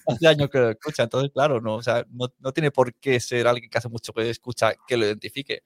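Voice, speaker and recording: Man, casual podcast chat, anecdotal, middle pitch, dry close sound. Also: fairly even intonation, fast talker, no room sound. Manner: anecdotal, laughs often, quotes people in his stories. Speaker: podcast teacher and host.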